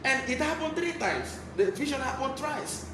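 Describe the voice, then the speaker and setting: A man's voice: very high voice, animated, normal speed. A man with a Nigerian accent preaching a Bible teaching sermon in an emphatic, repetitive way. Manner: emphatic, repeats key phrases. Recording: echoey room, clear background noise.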